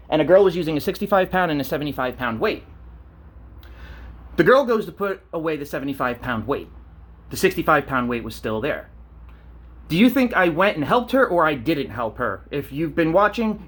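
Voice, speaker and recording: A man's voice: fairly high pitch, fairly bright tone. A man ranting on a vlog, blunt and profane, telling stories and asking rhetorical questions. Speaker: vlogger.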